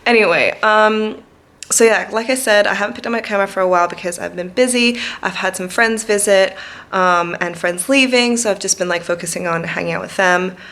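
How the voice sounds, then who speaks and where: A woman chats to a handheld vlogging camera while walking through her flat. Her voice sits a bit low and her talk wanders, full of little fillers and restarts. It sounds like a relaxed home tour. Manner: chatty, rambling, many fillers. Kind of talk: casual home tour vlog. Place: flat, indoors.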